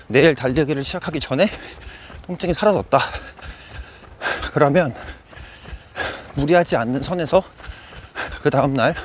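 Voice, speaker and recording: A man's voice: a little high, slight background noise. A man talking to his running vlog as he runs, speaking in short, broken phrases. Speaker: running vlogger. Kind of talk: casual vlog monologue while running. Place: outdoors, on a run.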